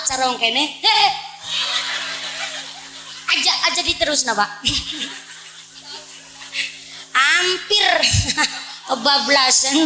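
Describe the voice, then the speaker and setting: A woman's voice: high voice, pushed and bright, roomy sound, a little hiss or hum, poor audio. A woman preacher from Central Java with a Banyumas Javanese accent, giving a playful, joking sermon to a village crowd and often addressing the men as "Pak". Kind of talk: humorous religious sermon. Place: village religious gathering.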